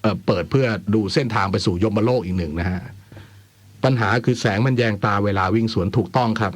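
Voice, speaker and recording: A man hosts an informal radio programme of phone-in chat and letter reading, slipping in wry comments as he goes. He speaks briskly in a fairly low voice, and the dry studio gives no room sound.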